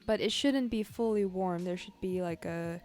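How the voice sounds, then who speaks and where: A woman chatting casually and a little haltingly as she streams her drawing, with an easygoing manner. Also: on the low side, a little mellow. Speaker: art livestreamer. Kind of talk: casual livestream chat while drawing. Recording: music behind the voice. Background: music.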